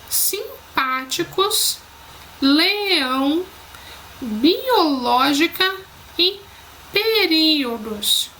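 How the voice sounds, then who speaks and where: A Brazilian woman teacher records a lesson for young pupils in a bright, high voice. She talks at an unhurried pace and stresses each syllable as she explains. A faint hiss of noise sits under her voice. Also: low-quality recording. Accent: Brazilian Portuguese. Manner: slow, clear, pronouncing words syllable by syllable.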